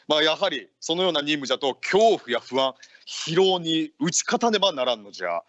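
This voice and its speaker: A man's voice: fairly high pitch, sing-song, fairly quick, fairly bright tone, dry recording, highs cut off. Man playing a hearty, lordly ninja chief. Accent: Aichi dialect. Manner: lordly, old-fashioned speech. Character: older male ninja leader, hearty and commanding. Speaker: radio host. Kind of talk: in-character radio talk in archaic samurai speech.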